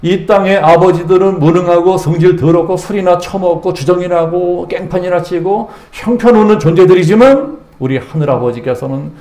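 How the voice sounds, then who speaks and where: A man's voice: high-pitched, normal speed, hardly any pauses, mellow. A male senior pastor preaching a Sunday sermon with emphatic delivery, putting rhetorical questions to the congregation. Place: church sanctuary. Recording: echoey church sanctuary.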